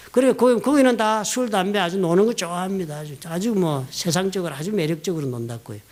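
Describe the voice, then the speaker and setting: A middle-aged man from South Korea, a pastor preaching a sermon in a church, telling personal stories with lively emphasis. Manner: storytelling, animated, rising emphatic pitch, quoting others. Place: church sanctuary.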